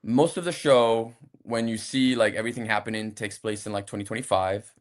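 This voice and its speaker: In a brisk, lowish voice, a French actor chats casually as an interview guest. His accent is a light French one, softened by years abroad, and his relaxed, hesitant delivery has many restarts.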